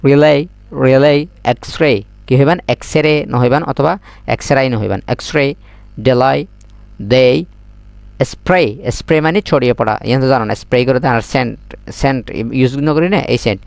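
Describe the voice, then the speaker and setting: A man with a Chittagonian accent gives a beginner English lesson at a middle pitch, repeating each word slowly and prompting the listener to say it back. The sound is dry and close. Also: vocal fry, no room sound. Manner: drills words by repeating them slowly and asking the listener to repeat. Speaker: English teacher.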